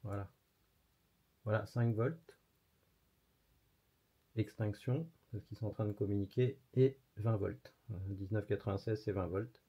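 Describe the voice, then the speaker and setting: A man's voice: fairly low pitch, a little slow, long pauses, breathy edge. A man hosting an electronics tutorial, explaining casually while demonstrating hands-on and swearing mildly now and then. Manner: casual and chatty, with mild swearing. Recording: dull lo-fi recording.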